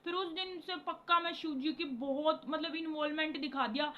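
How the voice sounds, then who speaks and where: A woman's voice: high-pitched, fairly even intonation, a little fast, dull audio. A young woman vlogger telling a personal story to camera in a rambling, emotional way, often repeating herself and calling her viewers guys.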